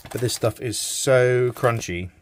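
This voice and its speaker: A middle-aged man with a mid-range voice, talking a little slowly, gives hesitant, informal commentary while presenting a repair. He's a radio restorer thinking aloud at a bench in a small indoor workshop.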